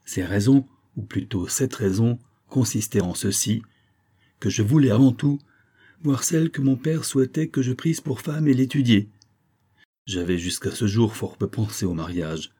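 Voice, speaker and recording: A man's voice: mid-range voice, moderate pace, dark tone, husky, natural voice. A man reading aloud and voicing an earnest young colonel who explains himself insistently.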